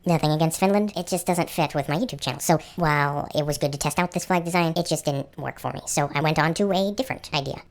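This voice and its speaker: A man presenting a casual, explanatory slideshow narration, his voice electronically pitched up like a helium chipmunk. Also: fast, hardly any pauses. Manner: conversational, explanatory. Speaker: channel host presenter.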